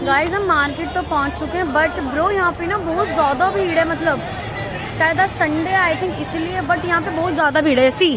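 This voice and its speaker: A woman's voice: very high-pitched, normal speed, over a noisy crowd, poor audio. A young woman, chatting casually on her vlog, teasing and dropping in English words. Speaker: vlogger. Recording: loud background noise.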